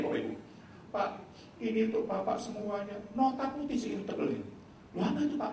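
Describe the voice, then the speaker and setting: A man's voice: extremely high pitch, creaky, slight background noise. A male pastor from Indonesia preaching a sermon, telling a story and acting out the voices in its dialogue. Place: large church hall. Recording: echoey church hall, mic from a distance.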